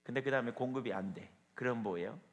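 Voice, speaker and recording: Emphatic pastor preaching in a reverberant church. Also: male voice, medium pitch, fast. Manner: emphatic, asks the listeners rhetorical questions. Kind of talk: sermon. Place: church, evening prayer meeting with a small audience.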